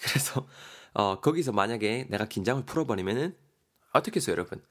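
A man teaching English words in a casual podcast lesson, acting out example dialogues with lively shifts in voice. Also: lowish voice, fast. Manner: animated, acts out example dialogues.

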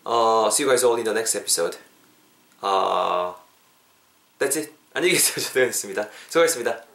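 A man teaching English phrases in a casual podcast lesson, lively and drilling each phrase over and over. Korean is his first language. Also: lowish voice, a little slow, vocal fry. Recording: roomy echo.

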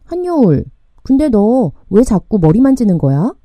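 Flat deadpan teen boy, woman reading him, storybook, dry close mic. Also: on the high side, moderate pace, no echo. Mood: blunt. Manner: flat, dry line delivery. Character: teenage boy, blunt and matter-of-fact.

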